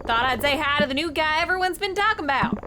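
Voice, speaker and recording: A woman voicing a creepy, soft-spoken male cult worker in a put-on accent, talking in smooth, cryptic, ominous lines. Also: high voice, lively intonation, fast talker, background noise, pitched above the performer's own voice. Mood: friendly.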